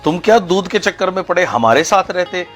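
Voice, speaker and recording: A man voicing a crowd of know-it-all frogs who scold and mock in a higher, pushed voice in a spoken story. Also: animated, fairly quick, fairly bright tone, faint music behind.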